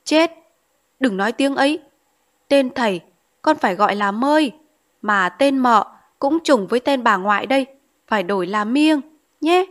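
A woman's voice: fairly high pitch, expressive, close to an everyday voice. Woman playing a bossy old mother-in-law. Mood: alarmed. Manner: scolding, hurried, fussing. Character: strict old mother-in-law, anxious and domineering.

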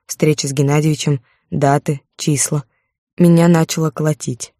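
A woman narrating a first-person romance novel in a steady storytelling voice, on a close microphone. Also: sits low, normal speed, no echo. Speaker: audiobook narrator.

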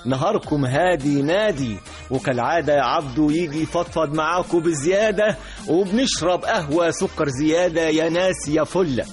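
A man's voice: a little high, moderate pace, faint music behind. A man with an Egyptian accent giving a chatty, mock-aggrieved comic radio monologue, speaking straight to the listeners. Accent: Egyptian Arabic. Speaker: radio comedy presenter.

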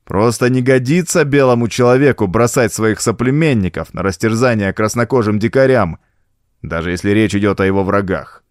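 A man's voice: on the low side, fairly quick, no echo, clean studio sound, natural voice. A man voicing a scornful, cunning male woodsman in an audiobook, with a taunting, contemptuous manner. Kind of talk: audiobook character voice.

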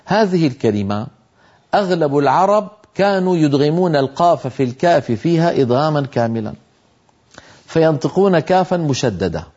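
Mellow-voiced man teaching Quran pronunciation. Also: on the high side, lively intonation, highs cut off. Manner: explains patiently, sounding out example syllables slowly. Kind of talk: tajweed lesson, explaining pronunciation.

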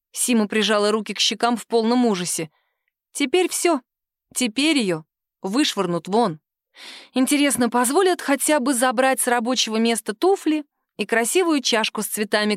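A woman narrating a story aloud in an expressive audiobook reading. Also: on the high side, no echo, studio quality.

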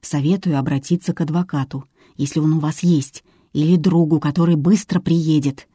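A woman plays a timid, courteous young male policeman in an audiobook, speaking earnestly and apologetically. Her voice stays low and mellow, recorded dry and close. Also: fairly even intonation, moderate pace, breathy edge, no room sound. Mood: apologetic.

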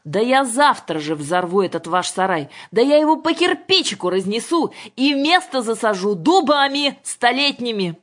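A woman's voice: medium pitch, lively intonation, normal speed, breathy edge. A woman doing a blustering, bossy father. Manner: blustering, commanding, shouting orders. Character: stern angry father, middle-aged man.

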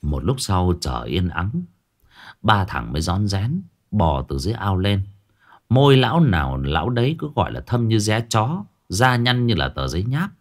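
A man's voice: fairly low pitch, sing-song, moderate pace. A man narrating a comic folk tale in an earthy, colloquial way. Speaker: storyteller.

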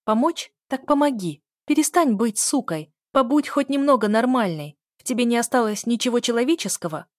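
A woman reading an audiobook voices a furious young woman, shouting bitter and sarcastic lines. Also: mid-range voice, lively intonation, normal speed, no echo, studio quality, pitched above the performer's own voice, natural voice.

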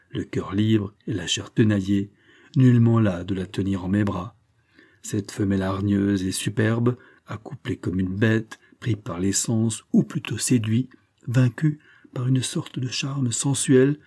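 Guy reading a classic novel aloud, low voice, measured. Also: warm tone, slightly rough. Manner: measured literary narration. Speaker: narrator. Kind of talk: audiobook reading of a classic story.

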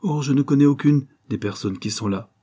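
Man putting on gruff porter guy, old wrestler, broad and stubborn, kinda husky and dark, talks curt and raised. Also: mid-range voice, moderate pace, close to an everyday voice. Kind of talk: audiobook character voice.

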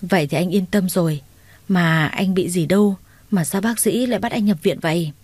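A woman's voice: lowish voice, normal speed, a little mellow, slightly rough, no room sound. A woman voicing a remorseful young man who pleads and clings in an audio story. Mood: eager.

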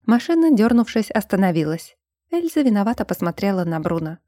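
An audiobook narrator, a woman with a mid-range voice, reads a story aloud in even, measured, scripted narration. The recording is dry and of studio quality.

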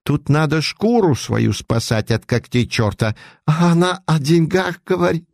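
A man's voice: a little high, lively intonation, a little slow, creaky, a little mellow, in a large hall, voice pushed up. A man voicing a scheming, nervous villain who wheedles and snaps rudely. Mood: angry. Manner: wheedling, then snapping rudely.

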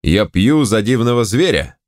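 A man voicing a smug grown man who proposes toasts in a measured, solemn way. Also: on the low side, very animated.

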